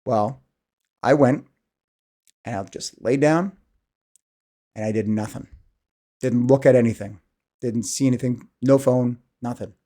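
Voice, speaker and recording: A man's voice: medium pitch, measured pace, long pauses, mellow. A man in his thirties talking candidly to camera in a casual, rambling monologue, sighing often. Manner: candid, rambling, self-deprecating, sighs often. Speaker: vlogger.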